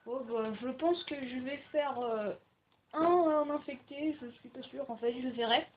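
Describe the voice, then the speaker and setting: A woman's voice: high voice, a little slow, narrow, tinny audio, slight background noise. A young woman rambling casually through gaming commentary, with frequent filler words, into a home computer microphone. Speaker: gaming video maker.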